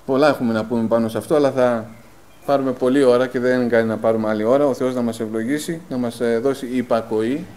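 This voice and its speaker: A man preaching a sermon in a plain conversational tone, asking rhetorical questions, filling pauses with "eh" and calling the congregation brothers. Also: medium pitch, steady tone, darkish tone, poor audio. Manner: rhetorical questions answered himself, frequent "eh" fillers; personal anecdotes told in plain conversational tone. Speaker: lay preacher.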